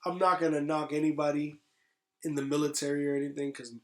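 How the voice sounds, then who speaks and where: In his thirties, this podcast co-host talks casually and opinionatedly about movies, emphatic and repeating phrases for stress. His fairly high, fairly bright voice is quick but flat in delivery. The recording sounds roomy and echoey.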